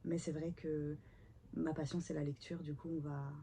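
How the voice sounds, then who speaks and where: A woman with a hoarse, stuffed-up voice from a cold, chatting casually to camera in a self-deprecating, slightly awkward book vlog at home. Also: deep voice, flat delivery, moderate pace, warm tone, slight background noise. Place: at home, indoors.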